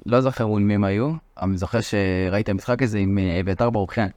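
A man's voice: fairly low pitch, darkish tone, dry recording. A man co-hosting a casual sports podcast, easygoing and keeping the talk moving. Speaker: podcast co-host.

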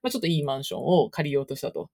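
Young woman podcast cohost, low-ish voice, rattles off stories fast. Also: expressive, darkish tone. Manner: chatty, storytelling with quick asides and laughs. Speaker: podcast co-host. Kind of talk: casual chat.

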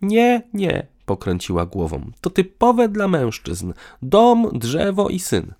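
A man reading the lines of a calm, wry male character in an audiobook. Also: high voice, slow pace. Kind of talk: audiobook dialogue.

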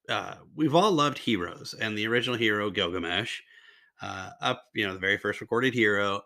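An older man hosting a solo podcast in a casual, rambling way, sounding nasal and slightly raspy with a mild cold and laryngitis. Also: lowish voice, sharp tone. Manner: rambling, conversational, self-interrupting asides. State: mild laryngitis and nose congestion. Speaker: podcast host.

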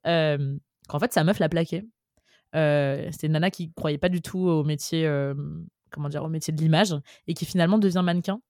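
A woman's voice: low voice, steady tone, fairly quick, darkish tone, no room sound, studio quality. A woman co-hosting a casual book podcast, talking animatedly with lots of fillers and restarts. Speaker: podcast co-host. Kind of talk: casual chat about books.

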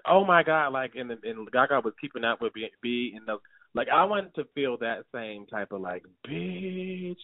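A man co-hosting a podcast, chatting casually and animatedly, with sudden jumps in pitch for emphasis. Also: no echo. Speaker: podcast co-host. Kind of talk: casual chat. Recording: tinny phone-like sound, dry.

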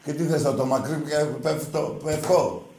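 A man hosting a rowdy sports call-in show, taking calls brashly, mocking callers crudely and breaking into loud outbursts. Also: fairly high pitch, steady tone, roomy sound. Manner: brash, crude and mocking, with sudden shouting bursts. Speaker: radio call-in show host. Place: radio studio.

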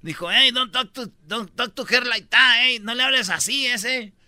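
A man hosting a comedic radio show, telling stories in an animated way and breaking into voices and bits of song. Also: very high-pitched, moderate pace. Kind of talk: comedic radio banter and storytelling.

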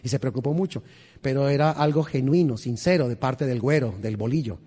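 A man's voice: medium pitch, fairly quick, mellow, husky. A man from Colombia, preaching a humorous storytelling sermon and quizzing the congregation. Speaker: pastor. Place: large church in Houston. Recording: reverberant church hall.

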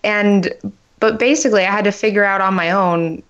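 A woman's voice: medium pitch, fairly even intonation, brisk. A young woman in her twenties, a podcast co-host, telling her story in an upbeat way, with a slightly sleepy morning voice. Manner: upbeat, laughs easily, open about her past. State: early-morning voice. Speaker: podcast co-host, nutritional therapy practitioner. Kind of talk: casual interview storytelling. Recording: dull lo-fi call audio.

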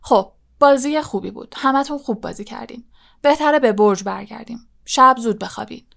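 A woman reading an audiobook aloud, voicing a keen, bossy teenage boy team captain who speaks in a brisk, encouraging way. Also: a little high, gravelly, fairly bright tone.

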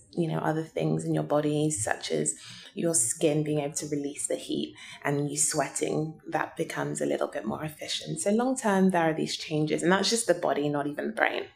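Woman, guest scientist, low pitch, gravelly creak, simple step-by-step explanations. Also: darkish tone, poor audio. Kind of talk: explanatory interview talk for young listeners.

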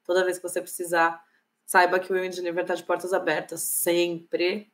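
A woman with a fairly low voice hosts an interview. She sounds friendly and thankful as she closes the chat with her guest. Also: monotone, normal speed. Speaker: host. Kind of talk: interview host wrapping up.

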